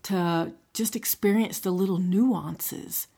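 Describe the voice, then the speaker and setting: A woman's voice: fairly low pitch, slow, creaky, warm tone, breathy edge. A middle-aged woman co-hosting a podcast, talking casually and often checking in with "right?" and "you know". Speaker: podcast co-host. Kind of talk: casual chat.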